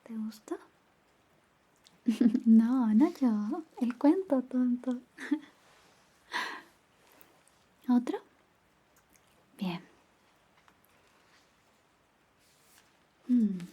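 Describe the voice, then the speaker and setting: A woman playing a caring girlfriend in an ASMR ASMR role-play, softly and intimately reading bedtime stories in a breathy soft voice. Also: fairly high pitch, animated, heavily acted. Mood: playful, affectionate. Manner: soft, intimate, slow storytelling.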